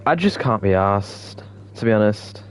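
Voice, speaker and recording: Excitable young man streaming games. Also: fairly low pitch, unhurried. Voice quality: excitable, melodramatic. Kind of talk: casual gameplay commentary.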